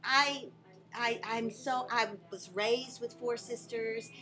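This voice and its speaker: A woman's voice: fairly high pitch, steady tone, slow pace, bright, forceful tone. Middle-aged woman host, upbeat and earnest, recorded on a laptop mic at a restaurant table with music behind. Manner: earnest, upbeat, talks about empowering women. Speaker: talk show host. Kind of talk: live casual chat show. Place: restaurant dining room, indoors.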